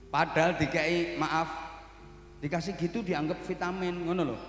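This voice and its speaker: A middle-aged man with a Javanese accent preaches a humorous sermon through a stage microphone. His voice sits a little high for a man, and he tells his stories with lively turns, acting out the characters he describes. The sound rings around a large hall with a long, echoing tail. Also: measured pace. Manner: animated storytelling, mixing in Javanese, mimicking characters. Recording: echoey hall with long reverb.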